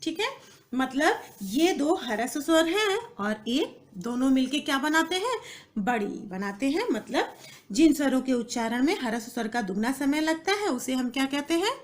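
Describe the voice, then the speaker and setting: A woman teaching a Hindi grammar lesson to children, slowly repeating key phrases and asking her pupils questions. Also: high voice, sing-song. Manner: slow, patient, repeats key phrases and asks pupils questions, calls them "beta".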